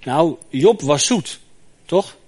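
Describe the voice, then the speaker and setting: A man preaching a sermon in a lively, emphatic way, asking the congregation rhetorical questions. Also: on the high side, slow pace, husky. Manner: lively and emphatic, with rhetorical questions and a recurring "zeg maar" filler.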